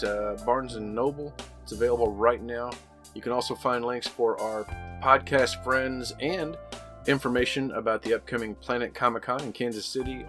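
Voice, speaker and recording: A man hosting a podcast, wrapping up the episode in an upbeat, casual way. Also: mid-range voice. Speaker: podcast host. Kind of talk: podcast outro. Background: guitar music.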